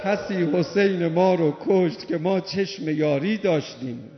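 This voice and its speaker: Impassioned high-voiced preacher in an echoing hall. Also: male voice, noisy background. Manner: impassioned, shifting from hushed to shouting. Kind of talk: mourning sermon. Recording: muffled recording in a long-reverb hall.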